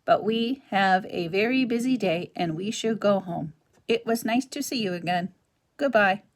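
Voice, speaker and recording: Calm polite robot mom, woman reading it out, careful measured way of talking, storybook. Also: medium pitch, lightly acted. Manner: polite, precise, measured speech. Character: calm gentle female robot mother. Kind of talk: reading a children's novel aloud.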